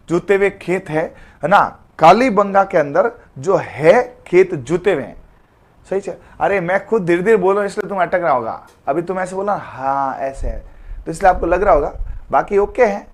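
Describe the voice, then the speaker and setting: Male tutor, fairly high pitch, informal, joking live online class. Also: a bit bright. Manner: chatty, calls students beta, jokey memory tricks. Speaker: teacher.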